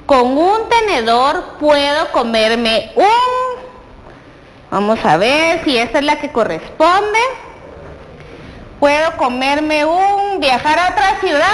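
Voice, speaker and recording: A woman with a Guatemalan Spanish accent, teaching a preschool TV lesson and coaxing a child with slow, questioning prompts. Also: sits high, long reverb tail, background noise. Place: television studio.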